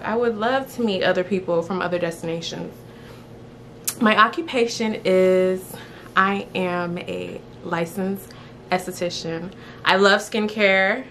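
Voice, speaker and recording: A woman's voice: medium pitch, sharp tone, a little hiss or hum. A woman in her twenties from South Florida, chatting playfully to camera about herself in a small room. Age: 20s. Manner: chatty, playful, self-described rambler. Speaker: beauty vlogger, licensed esthetician. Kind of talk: casual chat to camera. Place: indoors, small room before a woven screen.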